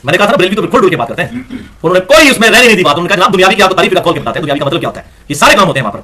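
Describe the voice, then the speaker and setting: A man giving an emphatic, argumentative religious lecture, slowing down to recite scripture verses. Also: high voice, sing-song, sharp tone. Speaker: religious speaker.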